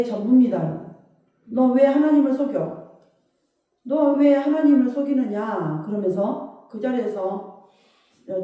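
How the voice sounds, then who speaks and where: A woman's voice: high voice, dark tone, far from the mic. Emphatic woman pastor preaching in echoey hall. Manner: emphatic preaching with rhetorical questions. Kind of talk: sermon. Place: church sanctuary.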